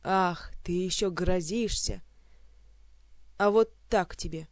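A reader voicing a brawny, angry male warrior who scolds and mocks in a gruff manner. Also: medium pitch, slow pace, no echo, clean studio sound, close to an everyday voice. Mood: angry scolding.

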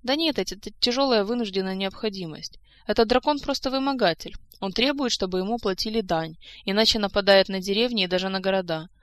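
A woman reading aloud, voicing a lively, frank young woman explaining things. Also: mid-range voice, quick pace, no room sound, lightly acted.

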